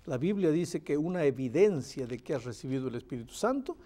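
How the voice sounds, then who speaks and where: Mellow-voiced man teaching the Bible. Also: on the high side, animated, brisk. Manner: emphatic, repeats phrases for stress, reads verses aloud. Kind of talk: Bible study answering questions.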